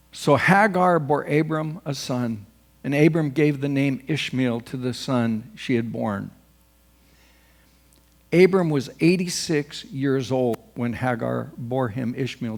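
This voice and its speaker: A man delivers a sermon in a gravelly, mid-pitched voice. He reads scripture aloud and climbs in pitch and force on the quoted passages, then drops back to a quieter, more personal tone. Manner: preaching with rising emphasis on quoted scripture. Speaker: pastor.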